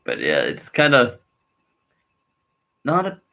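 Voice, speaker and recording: A man's voice: mid-range voice, huge pitch swings, slow, vocal fry, dull audio. Male streamer, casual live hockey reactions, rambling and frustrated with his team, mid-range voice. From Denmark.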